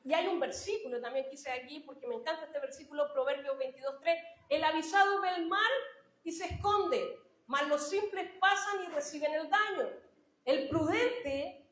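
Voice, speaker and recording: A woman's voice: high voice, echoey room, poor audio. A woman preaching a sermon in a church, talking to her listeners in a conversational way and stressing points by repeating them. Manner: warm conversational preaching, addressing listeners as brothers, emphatic repetitions.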